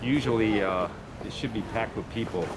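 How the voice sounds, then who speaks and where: A man's voice: on the low side, moderate pace. A man vlogging outdoors by a city river and chatting with passers-by, hesitant with many filler uhs. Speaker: vlogger and street interviewer. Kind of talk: casual walking vlog and street chat. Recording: loud street and traffic noise outdoors.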